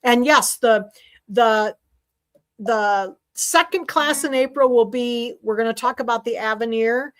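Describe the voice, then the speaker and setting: A woman's voice: on the high side, measured pace. A woman hosting a sewing class livestream, chatting casually with viewers. She rambles and restarts her sentences, with fillers along the way. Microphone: desk mic while streaming.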